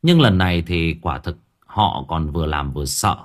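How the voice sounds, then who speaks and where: A man narrating an audiobook story dramatically, slowing down for suspense. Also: deep voice, expressive.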